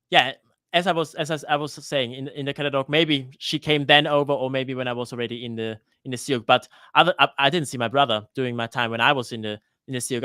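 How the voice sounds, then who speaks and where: Man, thirties, from Denmark, interview guest, slightly high voice, crisp and clear, halting speech. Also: pushed and bright, no room sound, studio quality. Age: 30s. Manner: hesitant, with many restarts. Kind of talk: casual interview over a live stream.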